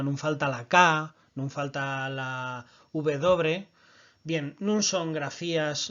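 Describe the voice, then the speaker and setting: A man's voice: fairly high pitch, fairly bright tone, muffled recording. A man teaching a recorded online language lesson, explaining patiently and often checking that his listeners follow.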